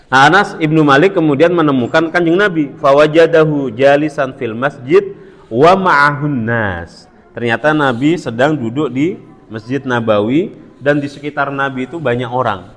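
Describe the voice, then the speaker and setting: A man's voice: medium pitch, expressive, normal speed, a bit bright. A man with a Javanese accent giving a religious study talk, telling a story with quotes and asking the audience questions. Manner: storytelling, switching between Indonesian and Javanese, quoting Arabic. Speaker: preacher. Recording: long hall reverb.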